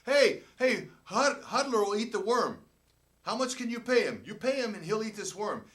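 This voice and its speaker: A man voicing a loud, cocky male ballplayer goading his teammates with a dare. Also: very high-pitched, flat delivery, fast, pitched above the performer's own voice. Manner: shouting, goading.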